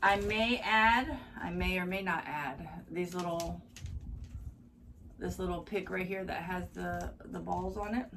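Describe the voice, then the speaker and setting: A woman hosting a casual craft tutorial, chatty and upbeat, a little hoarse, gushing over how cute things are. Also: fairly low pitch, unhurried, fairly bright tone, recorded from a distance, slight background noise. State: slightly hoarse.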